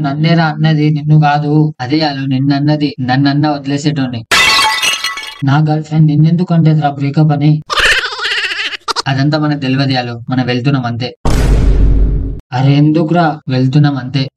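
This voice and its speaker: A man voicing rowdy young village friends in a cartoon comedy, teasing each other with crude banter. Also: fairly high pitch. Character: bickering young village friends and bus folk. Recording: muffled, dull, noisy sound.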